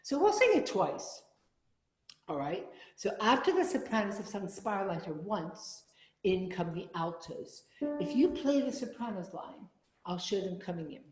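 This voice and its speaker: A woman's voice: mid-range voice, very animated, a little slow, darkish tone. A woman leading an online choir rehearsal, giving instructions and singing example phrases between them. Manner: demonstrates sung phrases between spoken instructions. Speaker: choir leader. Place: home room. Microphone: video call. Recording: roomy video call with reverb.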